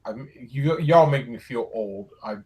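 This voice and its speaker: A man's voice: medium pitch, unhurried, warm tone. A man in his thirties in a casual group voice chat, teasing the others and cursing. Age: 30s. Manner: teasing, profane.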